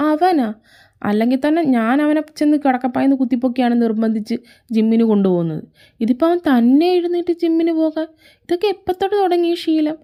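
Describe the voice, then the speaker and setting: A woman's voice: a little high, a little mellow, dry recording, studio quality, natural voice. Woman reading as a mocking elder brother. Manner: mocking, nagging, sarcastic. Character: bossy young man, teasing elder brother. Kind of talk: fan fiction audio story.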